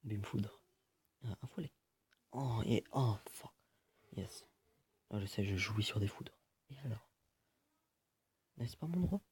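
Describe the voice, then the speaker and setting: A man's voice: on the low side, animated, takes it slowly, long pauses, darkish tone, breathy edge. A man giving casual, joking gameplay commentary, swearing often and muttering to himself. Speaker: gaming video host.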